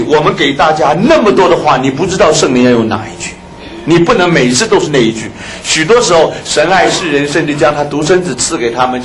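A man with a slightly high voice preaches an animated sermon, often addressing his listeners as brothers and sisters and repeating phrases for emphasis. The low-quality recording carries slight background noise.

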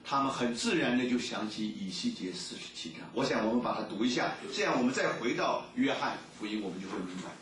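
A man preaching a sermon and reading scripture aloud, telling the story in a lively way and stretching out his filler words. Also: medium pitch, slight background noise. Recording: echoey room, mic at a distance.

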